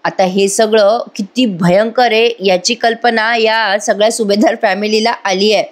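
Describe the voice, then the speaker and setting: A woman's voice: mid-range voice, fairly even intonation, a little slow. A woman giving a conversational voice-over recap of a TV serial, speaking straight to her viewers. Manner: conversational, addresses viewers directly. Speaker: TV serial reviewer. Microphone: voice-over microphone.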